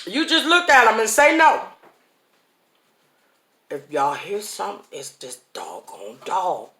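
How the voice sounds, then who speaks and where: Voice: medium pitch, huge pitch swings, moderate pace, bright, forceful tone. A speaker giving a casual devotional talk to viewers in a folksy way, chuckling often and speaking straight to the audience. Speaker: online inspirational speaker. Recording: roomy echo.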